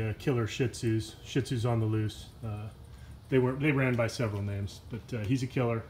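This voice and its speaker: A man's voice: mid-range voice, slight background noise. Laid-back man rambling behind a phone camera. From Washington state. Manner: relaxed, rambling, lots of uh and you know. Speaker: kayak fishing vlogger. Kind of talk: casual walkaround vlog. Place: outdoors beside a pickup truck by a brick wall. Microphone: handheld phone camera, filming himself off-screen.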